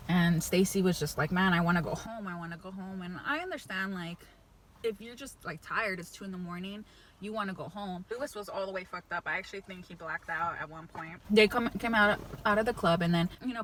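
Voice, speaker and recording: A woman's voice: lowish voice, a little hiss or hum, rough recording. A young woman telling a casual, slangy story as she eats, chewing while talking. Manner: slangy, chatty. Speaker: vlogger.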